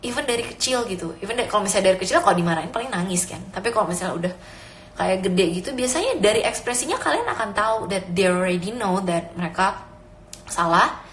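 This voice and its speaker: Speaking quickly with lively intonation, a young woman who is a mother gives earnest, casual advice on parenting in a mix of Indonesian and English. Her mid-range voice is a bit bright, and the echoey room adds faint ambience along with slight hiss or hum.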